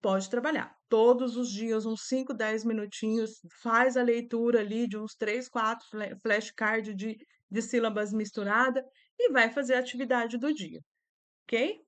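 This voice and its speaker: A young Brazilian woman teacher with a Brazilian accent walks other teachers through classroom reading activities. Her voice sits a little high, and her delivery is chatty and informal, with frequent tag questions. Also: steady tone, unhurried. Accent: Brazilian Portuguese.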